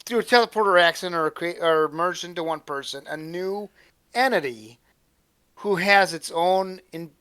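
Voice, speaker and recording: A man co-hosting a casual chat, rambling and halting as he talks. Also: high-pitched, a bit bright, clear, resonant tone, no echo. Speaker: co-host.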